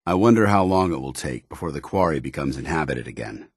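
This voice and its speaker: An actor playing a stern, dutiful military paladin in a post-apocalyptic video game, speaking formally with clipped authority. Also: male voice, rumbling low, animated, fast, slightly rough, dry recording, studio quality, full character voice. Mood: vigilant, matter-of-fact. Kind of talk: video game companion dialogue.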